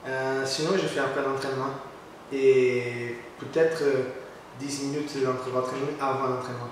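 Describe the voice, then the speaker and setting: A man with a Portuguese accent answering casual interview questions in halting, non-fluent French with a foreign accent. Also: mid-range voice, level tone. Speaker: interviewee, competitive physique athlete. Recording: echoey room, distant mic, faint noise.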